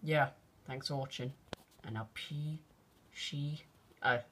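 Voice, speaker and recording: A teenage guy excitedly narrating a quick phone video, rambling with lots of fillers and casual slang. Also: medium pitch, slight background noise. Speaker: vlogger. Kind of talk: excited off-the-cuff phone commentary. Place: at home by an open window at night. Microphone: phone held out of a window.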